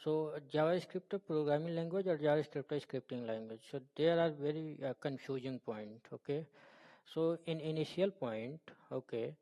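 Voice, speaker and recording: A man with an Indian accent teaches in an informal tutorial style. His voice is soft-edged and mellow, and he speaks haltingly, circling back over phrases and tagging them with "okay?". The recording has a long, boomy room reverb. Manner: halting, repetitive, often checking with "okay?". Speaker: programming tutor.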